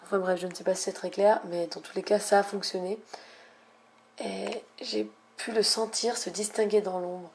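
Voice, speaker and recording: A young woman speaking low and hushed, at times near a whisper, narrating a game in florid, hesitant phrases. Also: steady tone, normal speed, gravelly, a little hiss or hum. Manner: lyrical, florid wording with many hesitations. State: slight cough lately. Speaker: video game player narrating own recording. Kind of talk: hushed late-night game commentary.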